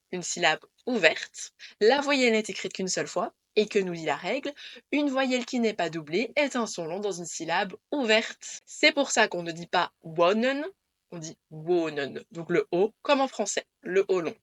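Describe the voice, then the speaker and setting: A woman teaching Dutch pronunciation to camera, patiently repeating the rules in a clear way. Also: medium pitch, lively intonation, moderate pace, fairly bright tone, dry recording.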